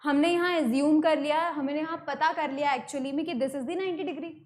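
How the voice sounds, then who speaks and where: High-voiced Indian woman teaching math. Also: fairly even intonation, moderate pace. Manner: explains step by step, repeating key terms and checking with "ठीक है"; mixes English terms into Hindi. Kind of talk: online math lesson.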